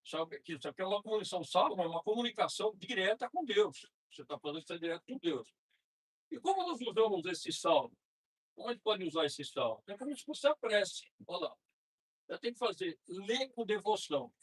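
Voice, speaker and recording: A middle-aged Brazilian man lecturing at a spiritist center in a conversational way, slowing down to read prayers aloud. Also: high voice, very animated, a bit bright, breathy edge, low-quality recording. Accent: Brazilian Portuguese. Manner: conversational, frequent tag questions, slows to read prayers. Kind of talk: informal spiritist talk.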